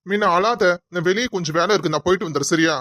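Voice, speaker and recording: A man's voice: sits high, very fast, fairly bright tone, no room sound, studio quality. A man voicing an earnest, loyal young husband in a cartoon, who pleads with and reassures his family.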